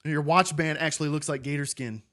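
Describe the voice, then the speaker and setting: Guy on a podcast rambling thru a wild story, kinda high voice, laughs a lot. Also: fairly even intonation, a little fast, a bit bright, a little hiss or hum. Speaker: podcast co-host. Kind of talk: casual storytelling chat.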